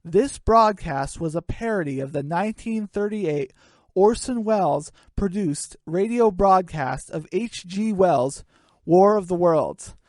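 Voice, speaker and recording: A storyteller narrates a homemade radio play in an expressive, slightly slow, slightly mellow voice whose pitch moves around a lot. The recording is dry, with very little room sound and no echo.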